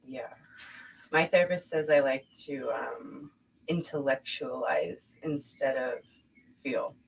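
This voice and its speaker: A woman's voice: a bass voice, slow, creaky, a little hiss or hum, rough recording. A woman hosting a podcast, talking bluntly in a casual chat, swearing freely and laughing often. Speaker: podcast host.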